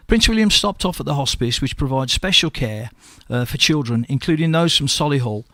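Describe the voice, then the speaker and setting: A man hosting a local radio show from the studio, with a West Midlands English accent, croaky from a cold, chatting and reading news items with slips and restarts. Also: fairly high pitch, a bit bright, no room sound. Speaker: radio host.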